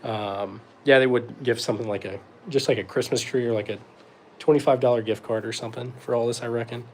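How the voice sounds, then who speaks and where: A man's voice: medium pitch, steady tone, brisk. Young guy from north carolina chatting on a stream, super laid back, lots of um and like, just rambles along. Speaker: host answering live chat questions. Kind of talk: casual livestream Q&A.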